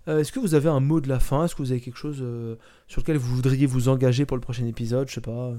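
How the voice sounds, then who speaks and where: A man hosting a casual film podcast, relaxed and leading the wrap-up. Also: medium pitch, fast talker. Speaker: podcast host.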